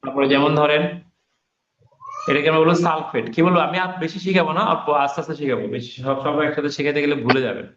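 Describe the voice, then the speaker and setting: With a fairly bright, somewhat high voice and a quick pace, a male teacher gives an online lesson. He quizzes his students and repeats key words throughout, and the sound is roomy and dull.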